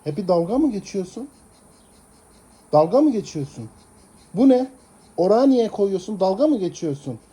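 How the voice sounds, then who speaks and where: A man's voice: high-pitched, very animated, moderate pace, long pauses, dark tone, slightly rough. A man talking casually to his cat and dog, coaxing and pleading with them in a pet-talk way. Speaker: pet owner.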